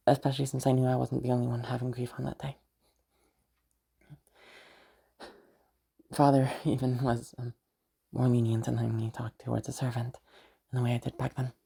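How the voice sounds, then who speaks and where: Voicing a young noblewoman mage for an intimate audio roleplay, a woman uses a low, mellow, gravelly-fried voice with a level tone and exaggerated delivery. Her speech comes in halting, stammering bursts, giggly with mild swearing. She sounds flustered yet earnest and protective, fond of her knight.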